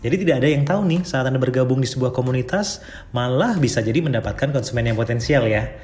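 A man's voice: mid-range voice, quick pace, darkish tone. Chatty male podcast host. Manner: chatty, upbeat, addresses listeners directly. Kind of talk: casual podcast talk.

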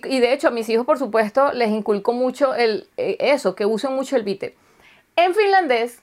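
High-voiced Venezuelan woman chatting. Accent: Venezuelan Spanish. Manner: animated, acts out little dialogues. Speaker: conversation partner. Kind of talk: casual chat.

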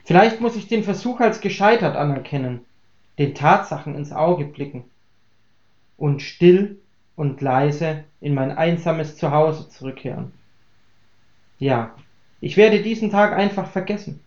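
A man's voice: a little high, expressive, measured pace, darkish tone. A man reading aloud, voicing a lonely, curious young woman who stubbornly pleads to be let in. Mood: resigned. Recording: roomy, dull lo-fi recording.

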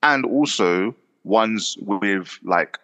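A deep-voiced man rambles through a casual football chat, stacking up fillers and restarts. His tone is bright and forceful. A long reverb hangs behind him. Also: lively intonation, very slow. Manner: rambling, filler-heavy, laughs often. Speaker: podcast co-host.

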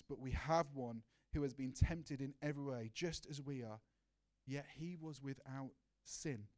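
Preaching in a medium-pitched, darkish voice, a man delivers an earnest, personal sermon, telling his own story and questioning the congregation. He frequently restarts and leans on rhetorical questions.

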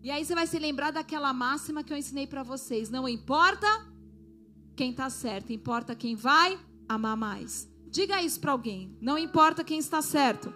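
Female preacher, high pitch, urgent exhorting sermon delivery over faint music. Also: normal speed, pushed and bright. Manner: exhorting, asks the congregation to respond. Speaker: pastor.

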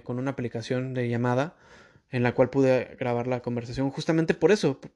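A man, telling a personal story to his listeners in a casual, expressive way with frequent restarts. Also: medium pitch. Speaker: podcast host.

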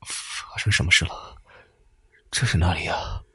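A man voicing a badly injured, confused man in a weak, breathy whisper. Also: fast, sharp tone, dry recording.

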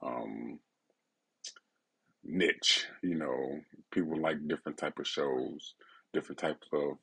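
A man hosting a casual, intimate solo podcast, speaking in a laid-back, personal way right in the listener's ear, with a gravelly, husky voice. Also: very deep voice, slow, sharp tone. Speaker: podcast host.

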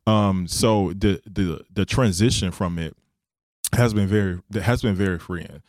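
A man's voice: deep voice, a little slow, darkish tone, no room sound, studio quality. A man hosting a casual, reflective conversation, often repeating phrases for emphasis. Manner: repeats points for emphasis, agreeing readily. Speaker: podcast host.

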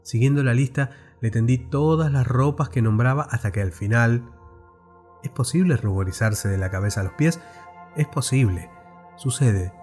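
A man narrating a story aloud in a measured, expressive reading. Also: medium pitch, faint music behind.

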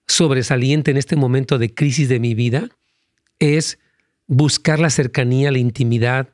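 A man's voice: mid-range voice, darkish tone, dry recording, clean studio sound. A man, a pastor, earnestly answering callers' Bible questions, rambling with many fillers.

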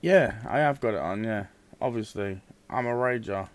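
British bloke on a podcast, blunt, swears a lot, easygoing chat. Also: male voice, on the low side, normal speed. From Britain. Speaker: podcast host.

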